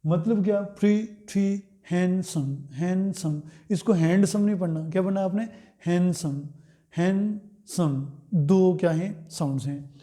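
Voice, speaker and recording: A man teaching English grammar in Hindi, pronouncing example words slowly and putting questions to his students that he answers himself. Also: sits high, mellow. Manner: slow, drawn-out words, asks and answers his own questions. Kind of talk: Hindi-language grammar lesson.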